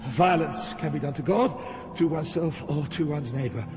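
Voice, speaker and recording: In a dramatic audio drama, an actor with a somewhat high, near-everyday male voice plays a stern ghostly poet guiding someone through Hell. Speaking at normal speed, he instructs in a grave, declamatory, solemn and lecturing way, with long cavernous reverb and music underneath.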